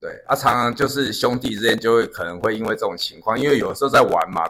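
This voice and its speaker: Bright, breathy-voiced man telling stories. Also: on the low side, quick pace. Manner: storytelling, many fillers and restarts. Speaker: podcast co-host. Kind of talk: casual chat.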